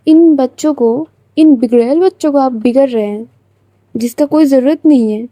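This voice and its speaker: A woman's voice: sits high, moderate pace, warm tone, no room sound, close to an everyday voice. A woman voicing a stern, principled young female teacher who speaks firmly and reproachfully. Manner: firm, reproachful.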